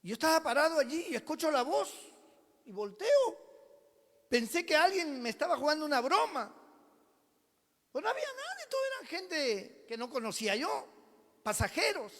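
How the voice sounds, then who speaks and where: A man, a pastor preaching a sermon as a personal testimony, telling it dramatically and swinging between loud passages and hushed ones. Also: extremely high pitch, sing-song, moderate pace, pauses often. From Peru. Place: church sanctuary. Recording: long reverb of a church hall.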